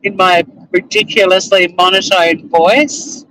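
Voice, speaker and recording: In a low-quality recording with a little hiss or hum, a middle-aged Australian lawyer vlogs casually from inside his car as he drives. His high voice is steady, unhurried and sharp in tone, and his talk rambles with self-mockery and casual cursing.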